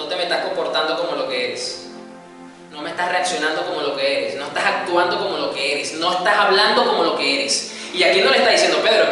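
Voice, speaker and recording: Preacher in an echoey hall. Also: male voice, high voice. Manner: teaching, explains Greek words, dramatizes quoted dialogue. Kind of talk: sermon. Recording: echoey hall, voice from a distance, soft music.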